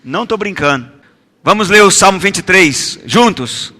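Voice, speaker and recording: A man preaches in a high, bright, forceful voice. He keeps calling for responses and builds up to loud, emphatic repeated declarations. His voice carries a long reverb from a church hall. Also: lively intonation, moderate pace. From Goiás, Brazil. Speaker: pastor. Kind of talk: sermon with call-and-response.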